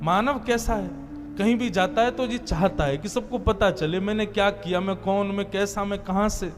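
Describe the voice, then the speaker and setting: A man's voice: sits high, normal speed. A man delivering a sermon, telling a devotional story and chanting verses. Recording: long hall reverb with soft music behind.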